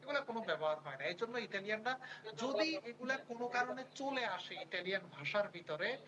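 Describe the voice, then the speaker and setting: A language teacher who says each sound slowly, repeats it, and asks the students to say it back. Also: mid-range voice, lively intonation, highs cut off, a crowd in the background. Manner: repeats words and prompts students to say them back. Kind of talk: online language lesson.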